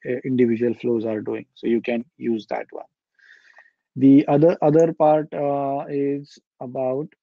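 Young man demoing software, gravelly voice. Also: medium pitch, no room sound, lo-fi sound. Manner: casual, thinking aloud with fillers like "right?" and "this guy". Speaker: meetup presenter. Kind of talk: live software demo with screen share. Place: indoor room.

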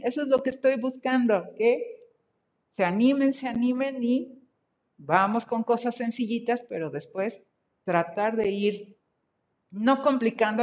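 A woman teaching an online English class, switching between Spanish and a Mexican-accented English, encouraging her students and slowly repeating their answers. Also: mid-range voice, darkish tone. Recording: dull lo-fi video call audio.

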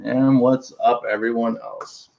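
A man's voice: medium pitch, level tone, unhurried, vocal fry, highs cut off. A man hosting a casual livestream chat, reading comments aloud and laughing often. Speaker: livestream host.

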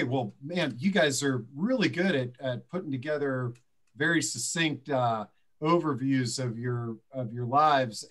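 A middle-aged man hosting a live online discussion, halting and filled with ums as he introduces guests. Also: medium pitch. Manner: halting, filler-heavy, gestures with both hands. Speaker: host and moderator. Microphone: headset on a video call.

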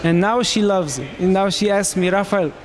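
In a small room with a handheld mic, a high-voiced Romanian man in his thirties, a marathon runner, is interviewed in English. He stumbles through his answers haltingly and keeps restarting.

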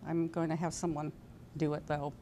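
As an interview guest in a TV studio, this woman in her sixties sits at a desk indoors and casually, hesitantly reminisces. She's from California with an American accent. Her low voice has little pitch movement and a normal pace; a crowd can be heard in the background of the lapel-mic recording.

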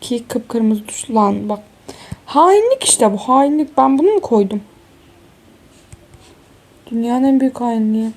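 Gravelly-voiced woman chatting through a game. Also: a little high, expressive, measured pace, pauses often, darkish tone, a little hiss or hum. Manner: chatty and exclamatory, addresses viewers as friends. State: tired. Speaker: gaming YouTuber. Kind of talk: casual game walkthrough commentary.

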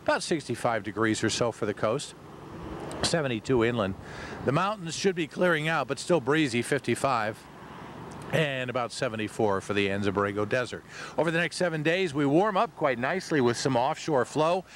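A man's voice: medium pitch, expressive, brisk, fairly bright tone. Male American weather forecaster, middle-aged, conversational and folksy, live outdoors with light background noise. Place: outdoors on a city waterfront at night. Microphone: handheld microphone. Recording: noisy outdoor live broadcast.

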